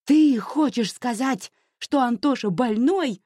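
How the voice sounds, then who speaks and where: A woman reading a story aloud, voicing an exhausted young mother who pleads and then shouts in distress. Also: on the low side, animated, moderate pace, dry recording, clean studio sound, pitched above the performer's own voice. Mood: shouting.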